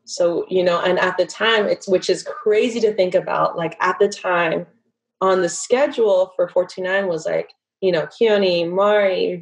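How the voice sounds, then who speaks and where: A woman's voice: fairly low pitch, a little mellow, rough recording. Chatty young woman guest on a video call. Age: 20s. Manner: chatty, many fillers like "like" and "you know". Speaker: guest dancer. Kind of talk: casual interview conversation. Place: bedroom at home. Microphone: laptop webcam on a video call.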